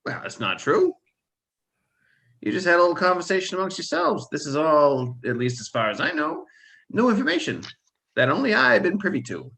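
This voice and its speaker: A man's voice: on the high side, huge pitch swings, fairly quick, vocal fry, a bit bright, voice pushed up, full character voice. A man voicing a sly, wine-loving male satyr who bargains hesitantly and keeps saying "uh".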